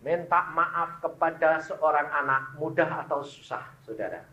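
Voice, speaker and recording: Slow, emotional male preacher. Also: fairly high pitch. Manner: emotional preaching, swinging between loud outbursts and soft, hushed lines. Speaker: pastor. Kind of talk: sermon. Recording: dull lo-fi recording.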